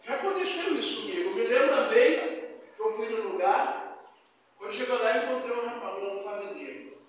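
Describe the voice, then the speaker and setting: A man's voice: very high-pitched, fairly quick. A male pastor preaching a sermon with emphatic, repeating phrases and personal testimony. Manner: tells personal testimony with quoted dialogue. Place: church hall. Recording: echoey hall recorded from far off.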